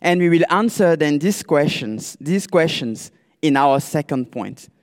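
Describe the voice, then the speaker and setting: A man delivers a sermon at an unhurried, measured pace, pausing to pose rhetorical questions to his listeners. His voice sits notably high for a man, and it rings out with the long reverb of a church hall. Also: lively intonation. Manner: slow, deliberate preaching with rhetorical questions. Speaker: pastoral candidate preaching.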